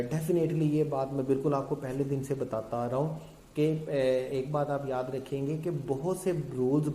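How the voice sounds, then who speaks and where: Male lecturer, mellow tone, patient question-and-answer teaching, roomy echo. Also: medium pitch, slight background noise. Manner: explains in a mix of Urdu-Hindi and English terms, asks and answers his own questions; addresses students as children. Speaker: English grammar teacher. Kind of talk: recorded classroom lecture.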